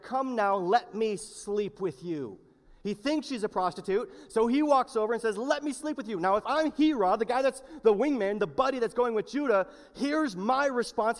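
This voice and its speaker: A male pastor preaching a sermon, swinging between hushed, slow lines and loud, yelled appeals. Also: high-pitched. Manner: impassioned, shifts from hushed to yelling. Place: large church hall. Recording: long reverb of a church hall.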